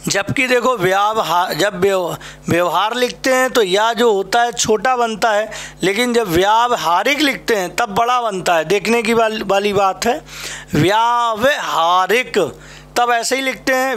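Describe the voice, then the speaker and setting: A man's voice: high voice, moderate pace, fairly bright tone. A man teaching an exam-prep spelling class, repeating each word and quizzing his students. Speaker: Hindi teacher.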